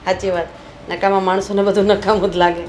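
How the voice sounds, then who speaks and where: A woman's voice: medium pitch, level tone, fairly quick, a little mellow, soft background music, natural voice. A woman playing a lazy elder daughter-in-law who answers in a dismissive, mocking way. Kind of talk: family drama acting.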